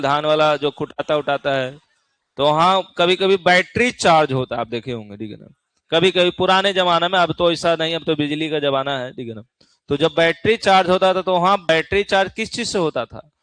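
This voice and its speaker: A man's voice: a little high, fairly bright tone, smooth, no room sound. A male physics teacher, lecturing a class in a chatty way, teasing students and often checking that they follow. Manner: keeps asking the class "theek hai na?".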